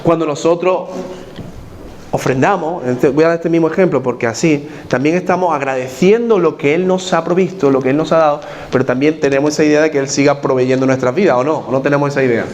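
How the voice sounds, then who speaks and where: A man's voice: on the high side, quick pace, darkish tone, a little hiss or hum. A man preaching a sermon as pastor in a church, putting questions to the congregation and repeating his key points.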